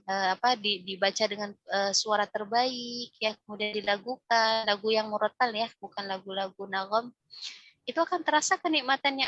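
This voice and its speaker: A woman's voice: a little high, fairly bright tone, no echo, highs cut off. A woman teaching a religious class on Quran recitation, explaining step by step and often ending phrases with a questioning "ya". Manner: explains step by step, frequent tag "ya", demonstrates recitation aloud.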